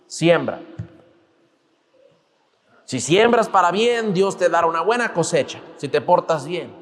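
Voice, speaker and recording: High-voiced man preaching in a reverberant hall. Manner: emphatic preaching with rising and falling emphasis. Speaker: pastor. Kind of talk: sermon. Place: church.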